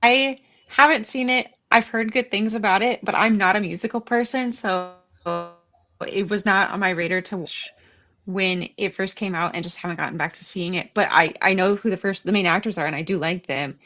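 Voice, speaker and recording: A woman's voice: mid-range voice, moderate pace, sharp tone. Woman guest, casual plain talk, muffled lo-fi sound. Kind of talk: casual chat.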